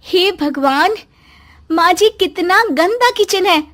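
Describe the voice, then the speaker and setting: A complaining young daughter-in-law from a cartoon story, voiced by a woman. She scolds and nags impatiently. Her voice is high and shrill. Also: animated, slow, fairly bright tone, exaggerated voice. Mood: scolding.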